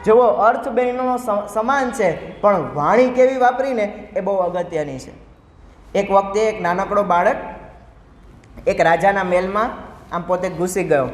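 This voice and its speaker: Male preacher in an echoey hall. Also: high voice. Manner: conversational, explanatory. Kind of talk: devotional sermon with storytelling.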